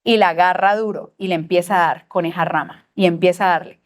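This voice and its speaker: A woman's voice: fairly low pitch, quick pace. A Colombian woman teaching a church parenting class, telling a family story and acting out the voices in it. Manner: lively storyteller who acts out the voices in her story.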